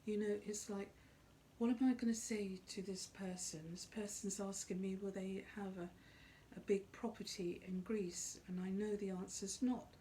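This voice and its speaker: A middle-aged or older woman speaking off the cuff as a psychic, in an earnest, emphatic way with deliberate, repeated phrasing. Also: medium pitch, fairly even intonation, warm tone, a little hiss or hum, poor audio. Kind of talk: unscripted spoken monologue on spiritual life.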